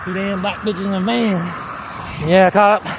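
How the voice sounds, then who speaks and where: A man's voice: high voice, level tone, moderate pace. A man rambling profanely in a casual vlog while riding a bicycle outdoors, tired and winded, with filler phrases repeated throughout. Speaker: cycling vlogger. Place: outdoors on a moving bicycle along streets. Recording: loud wind noise on the mic. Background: wind and vehicle noise.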